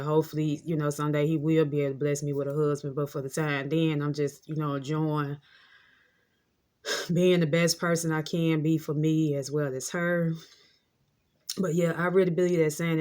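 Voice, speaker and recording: A woman's voice: low voice, a little mellow. A woman in her late thirties telling a rambling, heartfelt story in a casual monologue, often repeating herself. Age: 30s. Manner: heartfelt, reflective. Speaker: vlogger.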